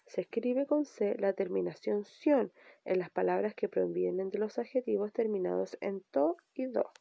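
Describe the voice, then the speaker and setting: A woman's voice: medium pitch, normal speed, creaky, dark tone, no room sound. A woman teaching a recorded language lesson, patiently explaining and restating each point. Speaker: primary school teacher.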